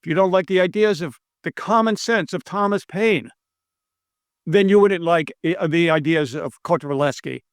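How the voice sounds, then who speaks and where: In a room with brick and stone walls, a US monetary economist delivers an earnest, persuasive video lesson to camera at a moderate pace. His kinda high voice has a clean tone on a dry, close recording. He's emphatic, insists on his key claims again and again, and fumbles foreign names.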